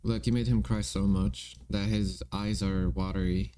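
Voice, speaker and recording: Laid-back young male streamer, low dark voice. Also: level tone, measured pace, slight background noise. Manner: playful, rambling, talks to himself and chat. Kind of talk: casual live-stream chat while gaming and drawing.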